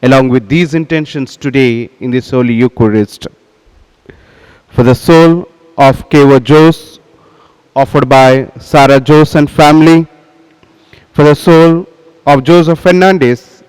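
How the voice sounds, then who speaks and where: A priest, presiding at Mass and speaking into a church microphone in solemn, measured tones. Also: male voice, fairly high pitch, darkish tone, smooth. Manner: solemn, measured liturgical intoning. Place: large cathedral, indoors. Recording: long reverb of a large cathedral.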